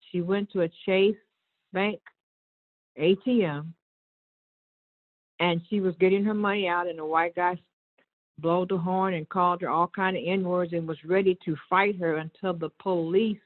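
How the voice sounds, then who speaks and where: A woman from Chicago, a reverend, giving an earnest personal testimony in an online discussion and acting out the exchanges she recounts, calling in by cell phone. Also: fairly low pitch. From Chicago, USA. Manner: earnest storytelling, acts out quoted exchanges. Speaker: reverend and board member. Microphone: cell phone call-in. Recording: phoned-in, narrow phone-line sound.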